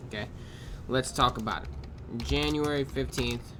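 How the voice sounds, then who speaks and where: A man casually reviewing his trading day, tired and yawning, talking in a loose, unhurried way with drawn-out pauses and the odd swear word. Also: medium pitch, background noise. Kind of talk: casual screen-recorded trade review. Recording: clear keyboard typing in background.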